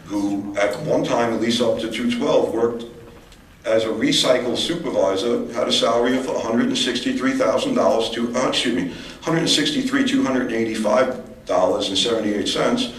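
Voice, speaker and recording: A man from the public questioning a town official at a meeting, hesitant and halting but politely persistent. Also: mid-range voice. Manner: hesitant, full of fillers and restarts, politely persistent. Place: large echoey public meeting hall. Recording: echoey hall, distant mic, faint room noise.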